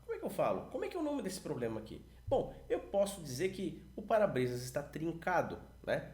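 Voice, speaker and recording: A Brazilian man who used to be an examiner teaches radio phrases for a pilots' English test. He coaches as he talks and says the model phrases slowly. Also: fairly high pitch, a little mellow, echoey room. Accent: Brazilian Portuguese. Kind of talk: explanatory lesson, talking to camera.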